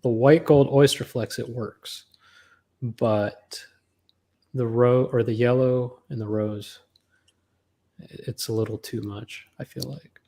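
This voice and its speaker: A man's voice: medium pitch, steady tone, takes it slowly, long pauses, mellow. A man on a podcast panel, explaining things in casual chat.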